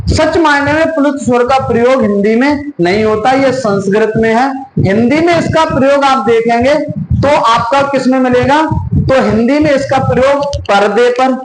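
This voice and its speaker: A man teaching an exam-prep lesson who asks a question and then answers it himself, drilling terms and stretching vowel sounds. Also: very high-pitched. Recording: echoey room, faint noise.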